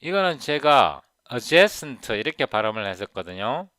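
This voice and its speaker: A man in his fifties explaining English pronunciation in a casual tutorial, repeating words slowly to show how they sound. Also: medium pitch, animated, fairly bright tone, no echo. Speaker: software developer teaching English pronunciation. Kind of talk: casual screen-recorded tutorial.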